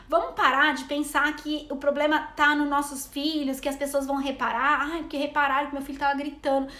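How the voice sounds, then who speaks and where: A woman's voice: sits high, fairly bright tone, roomy sound. A Brazilian woman in her thirties chatting to viewers in a rambling live stream, a travel vlogger and mother. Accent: Brazilian Portuguese. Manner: chatty, rambling, reading out comments.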